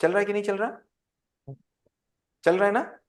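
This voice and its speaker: High-voiced man teaching a class. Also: normal speed. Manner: quizzes the class with call-and-response questions. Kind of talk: interactive class lecture.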